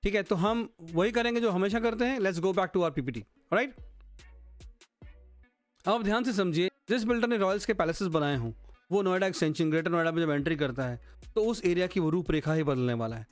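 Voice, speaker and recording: High-voiced man walking through slides. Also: brisk, dry recording, soft background music. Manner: code-switching, addresses viewers as friends and guys. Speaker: real-estate channel host. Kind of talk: presenting slides to camera.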